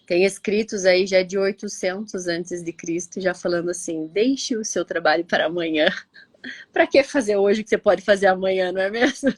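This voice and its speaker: A teacher from Curitiba who co-hosts a live show explains things in a chatty, casual way, often tagging on "né?". She has a Brazilian Portuguese accent and sounds stuffy-nosed, with a medium-pitched voice at a moderate pace. The recording is dry.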